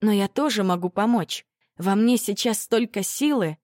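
A woman's voice: mid-range voice, normal speed, a little mellow, no room sound, lightly acted. A woman reading an impulsive, stubborn young woman mage with a raised, eager voice in a dry recording. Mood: protesting. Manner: eager, protesting.

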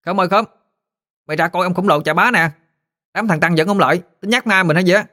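A shrill excited little boy. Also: quick pace. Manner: loud, excited calling. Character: small shouting village boy.

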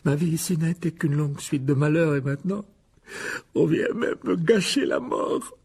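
A man with a gravelly voice reading a storybook and voicing a touchy, self-pitying ghost schoolgirl with a tearful, whiny tone. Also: mid-range voice, wildly swooping pitch, measured pace, dark tone, voice pushed up, heavily acted.

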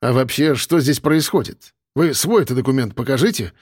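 A male narrator voicing a gruff, overbearing middle-aged father who blusters and snaps. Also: mid-range voice, normal speed, no room sound, studio quality, lightly acted. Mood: sullen. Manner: blustering, shouting, sullen.

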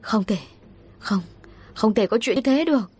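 A woman's voice: fairly high pitch, lively intonation, normal speed, a little mellow, husky. A woman voicing a short-tempered middle-aged mother who scolds sharply and impatiently. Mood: stunned.

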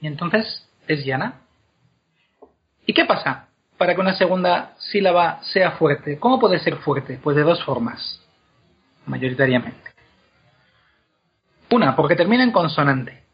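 A man talks like a lively teacher, stretching words out slowly to show how they sound. His voice is a little husky and sits slightly high. The recording is dull and lo-fi. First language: Spanish. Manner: animated teacher, repeats words slowly to demonstrate. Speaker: guest explaining Elvish pronunciation. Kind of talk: casual explanatory chat.

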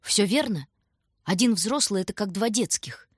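A woman reads a gentle young man in a worn greatcoat, pressing urgent instructions on the children in a husky voice. The sound is dry and close. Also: medium pitch, animated, moderate pace, no room sound, pitched above the performer's own voice. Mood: calm. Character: kind, self-sacrificing young man in greatcoat.

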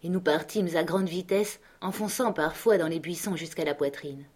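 A woman with a somewhat low voice reads a classic adventure novel aloud. Her delivery is measured and expressive, the steady pace of an audiobook narrator. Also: husky.

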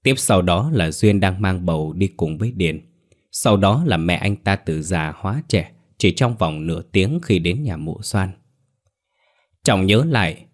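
Low-voiced male ghost-story narrator.

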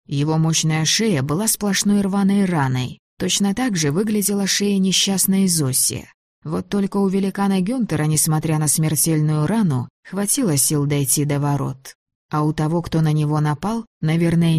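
Low-voiced woman reading an audiobook. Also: no room sound, studio quality. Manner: measured, even reading. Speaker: audiobook narrator. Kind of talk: audiobook narration.

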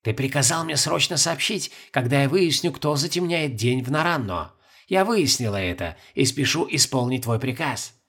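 A male narrator voicing a sharp-tongued, scheming old woman court servant who talks in a dry, needling way. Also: mid-range voice, animated, moderate pace. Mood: deferential. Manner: dry, needling, quietly triumphant. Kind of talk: audiobook character voice.

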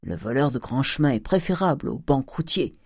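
A woman reads a curt, miserly old father who lectures and scolds his family with dismissive impatience. The voice stays low and mellow, with a close, dry sound. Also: very animated, brisk, breathy edge, no echo, heavily acted. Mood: stern. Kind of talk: audiobook character reading.

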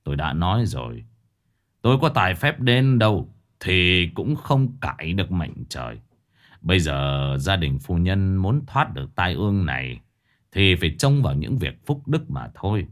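A man voicing a blind old male fortune-teller in a storybook ghost tale, speaking slowly, low and without emotion, with cold authority. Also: very animated. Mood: cold, scornful. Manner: slow, low, emotionless and commanding.

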